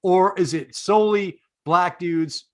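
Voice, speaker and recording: A man with a high voice hosts a comedy podcast. He lays out long, deadpan, profane setups before each question. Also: measured pace. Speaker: podcast host. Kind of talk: comedic interview.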